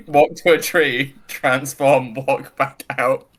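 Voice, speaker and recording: A man's voice: mid-range voice, drawn-out words. A man playing a tabletop role-playing game, bantering casually with dry, wry delivery.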